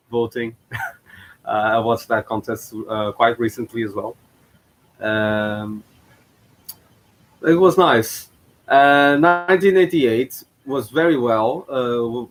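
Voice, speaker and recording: A man's voice: mid-range voice, low-quality recording. A man hosting his own channel, giving casual reaction commentary in a hesitant way, with frequent fillers and restarts. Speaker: channel host reacting to a past contest.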